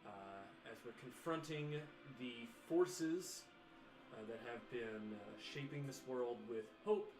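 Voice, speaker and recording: A man hosting a live tabletop game stream, introducing the episode in an earnest, rambling, halting way. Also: medium pitch. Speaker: host. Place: room with a gaming table. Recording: echoey room with music. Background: music playing.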